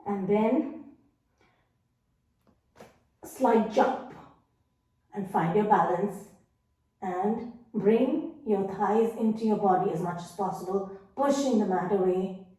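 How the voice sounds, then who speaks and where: Yoga lady coaching handstand drills, easygoing with lots of ums, kinda breathy, far off in a really echoey room. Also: medium pitch, slow, long pauses, warm tone. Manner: patient, encouraging, with fillers. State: slightly out of breath. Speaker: yoga teacher. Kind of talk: guided exercise instruction. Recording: very echoey, distant.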